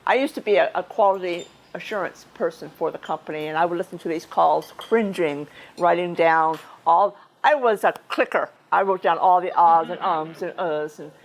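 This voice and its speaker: A woman's voice: on the low side, rough recording. A woman giving an informal, chatty speech at a club meeting, talking conversationally with frequent restarts and asides. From United States.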